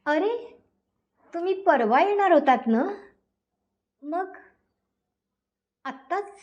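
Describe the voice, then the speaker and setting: A homely, puzzled wife, voiced by a woman storyteller asking plain questions. Her voice is bright and high. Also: takes it slowly, lo-fi sound. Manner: questioning, matter-of-fact.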